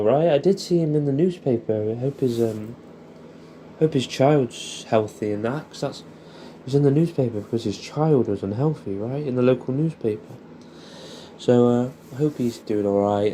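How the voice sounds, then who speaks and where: A young man with an English accent and a lowish, warm voice rambles hesitantly in a casual, intimate monologue, like he's catching up with an old friend. His speech is informal and includes swearing. There's slight background noise.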